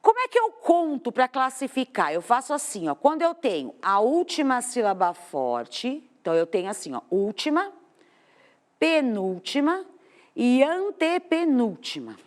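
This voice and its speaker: Brazilian woman, studio teacher, high and lively, asks the class questions as she explains. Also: a little slow. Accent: Brazilian Portuguese. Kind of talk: televised classroom lesson. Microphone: studio microphone.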